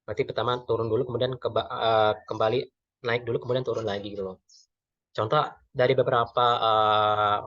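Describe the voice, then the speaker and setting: A young man with an Indonesian accent gives a class presentation, pausing on fillers and correcting himself often. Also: on the low side, level tone, fairly bright tone, no room sound. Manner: hesitant, many fillers and self-corrections. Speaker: student presenter. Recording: dull lo-fi dry recording.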